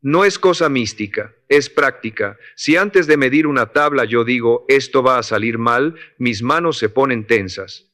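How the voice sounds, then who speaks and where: A man reading the part of a 68-year-old construction worker, a man of few words who gives calm, measured advice. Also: mid-range voice, close to an everyday voice. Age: 60s.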